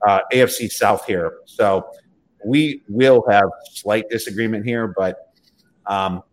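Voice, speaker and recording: Blunt male betting guest on a video call connection with a lowish voice, casual and repetitive. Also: slow, low-quality recording. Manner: blunt, repeats his dislikes. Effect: heard over a video call connection. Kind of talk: casual podcast chat.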